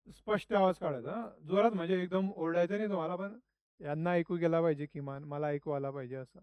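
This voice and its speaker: A middle-aged man teaches a classroom lecture, chatting freely and firing question after question at his students. His voice sits high with a clear, resonant tone, and the audio is dull but free of echo.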